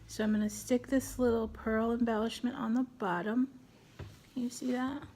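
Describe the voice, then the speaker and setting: A woman's voice: a little high, fairly even intonation, normal speed, dark tone. Middle-aged lady chatting through a craft tutorial at her table, faint room hiss behind. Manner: chatty, thinks aloud while working. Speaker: craft video host.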